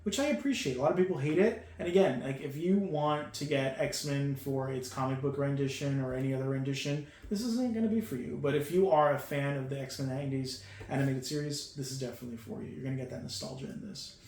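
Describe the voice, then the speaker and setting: Speaking fast with few pauses, this toy reviewer has a medium-pitched, somewhat dark voice. He rambles excitedly through an unboxing, heaping praise on every item and using plenty of filler words, in an echoey space with a low hum.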